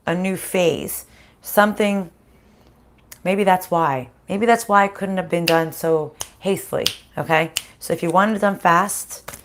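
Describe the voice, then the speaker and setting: A woman with a groggy, slightly hoarse voice recovering from a sinus infection, giving a casual spiritual card reading and thinking aloud in a halting, conversational way. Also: lowish voice, a little hiss or hum. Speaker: spiritual card reader hosting a live reading.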